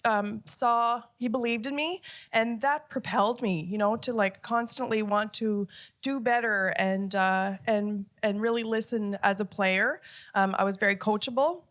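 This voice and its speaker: A woman's voice: medium pitch, measured pace, fairly bright tone. A woman with a Nova Scotian accent speaking on a panel in a museum, emotional and laughing through tears. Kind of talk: casual panel talk. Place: museum event hall.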